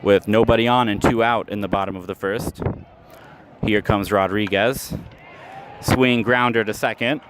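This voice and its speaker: Calling a baseball game live on radio from an outdoor ballpark, a man delivers play-by-play in clipped phrases as things happen. He has a fairly low voice with fairly even intonation and a moderate pace, against a noisy background.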